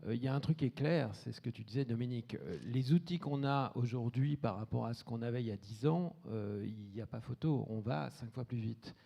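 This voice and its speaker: A man's voice: mid-range voice, brisk, vocal fry, hardly any pauses, dark tone. A man talking informally on a panel, hesitant and often repeating his words. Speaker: post-production professional, panel speaker.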